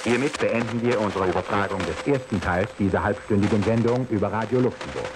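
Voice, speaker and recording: Man announcing over old radio. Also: on the low side. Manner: measured, formal announcer delivery. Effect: archival shortwave radio broadcast. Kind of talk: formal broadcast announcement. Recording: noisy old radio broadcast recording.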